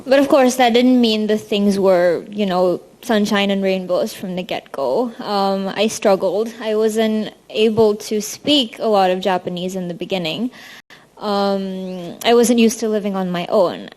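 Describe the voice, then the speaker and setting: A woman's voice: mid-range voice, unhurried, a little mellow. A young woman from India, a university student, giving a casual presentation to an audience, with frequent ums. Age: young adult. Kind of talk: presentation talk.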